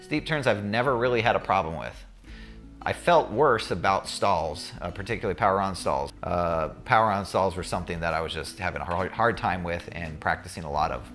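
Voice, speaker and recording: Deep-voiced man telling a casual story. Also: brisk, a bit bright, soft background music. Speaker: student pilot recounting a checkride.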